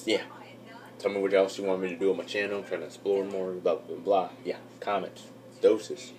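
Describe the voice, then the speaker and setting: Low, flat-voiced young man rambling. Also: brisk, slight background noise. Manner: rambling, filler-heavy, loses track. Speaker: YouTube reviewer. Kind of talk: casual episode recap.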